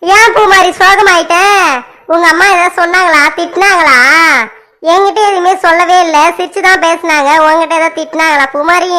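An actress playing a kind middle-aged woman who gently comforts a young woman in a family drama. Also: very high voice, fairly even intonation, brisk. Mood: concerned. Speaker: host mother.

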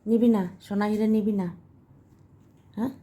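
A woman's voice: medium pitch, little pitch movement, normal speed, warm tone. A woman at home talking to her pet dog, coaxing and scolding it in a sing-song way, recorded on a phone. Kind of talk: casual talk to a pet dog. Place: home indoors.

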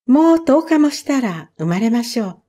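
A woman's voice: a little high, very animated, moderate pace, dark tone. A woman doing a polite mother cow. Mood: proud. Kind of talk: storybook reading.

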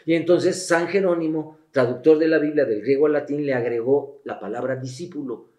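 A man's voice: a little high, a little fast, mellow. A man, explaining things as a guest expert in an interview, emphatic and blunt, like a teacher. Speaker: guest expert on the Bible and sexuality. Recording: echoey room.

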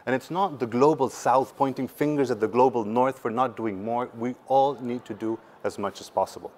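At medium pitch and normal speed, with a darkish tone, a man of roughly forty from Patagonia, Chile, speaks on a conference panel for his startup. Sitting on the indoor stage, he is conversational, earnest, and emphatic.

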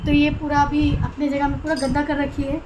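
A woman's voice: high-pitched, level tone, a little fast, noisy background. A young woman chatting casually in a home vlog, rambling fondly about her pet bird. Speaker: vlogger. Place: home, indoors.

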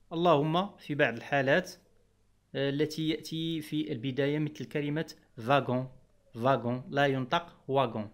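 A man teaching French letter sounds in Arabic, patiently repeating each example word. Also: medium pitch. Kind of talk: explaining pronunciation rules.

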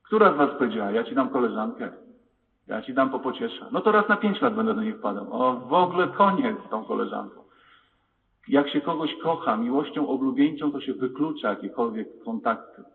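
A priest preaches a lively sermon in a large church. His voice carries a long, hollow reverb, and it comes through a thin, tinny, phone-like recording. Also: mid-range voice, fairly quick, far from the mic, a little hiss or hum.

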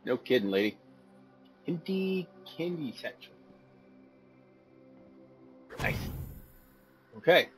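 A man giving casual, goofy commentary over his gameplay, easily distracted and quick to laugh. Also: a little high, very animated, faint music behind, low-quality recording. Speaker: gameplay video host.

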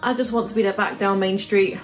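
A British woman vlogs her day in a relaxed, chatty way, talking straight to camera. Her voice sits at an ordinary middle pitch. Soft music plays faintly underneath. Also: a little fast. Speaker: vlogger. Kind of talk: casual vlog chat.

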